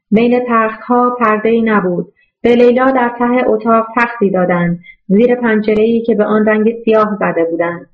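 A woman narrating a novel in a steady, even storytelling voice. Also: on the high side, lo-fi sound. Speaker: audiobook narrator. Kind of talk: scripted narration.

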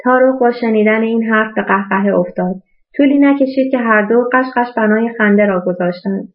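A woman reading a novel aloud as audiobook narrator in a steady storytelling manner, in a tinny phone-like recording. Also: fairly high pitch.

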